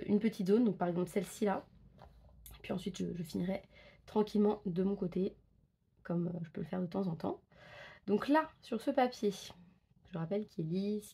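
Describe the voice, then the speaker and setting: A woman's voice: medium pitch, gravelly, dark tone, slightly rough. A woman chatting casually while she colors and tests pencils, thinking aloud with many fillers and self-corrections. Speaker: coloring book vlogger.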